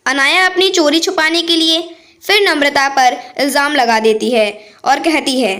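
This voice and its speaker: A woman narrating a family moral story in a steady, plain way. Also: high voice, normal speed.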